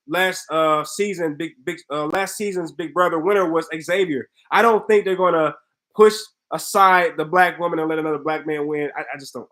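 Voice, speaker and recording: On a low-quality recording, a podcast host with a higher, fairly bright voice reads viewer comments aloud and responds in a casual live-stream chat, keeping it chatty and frank.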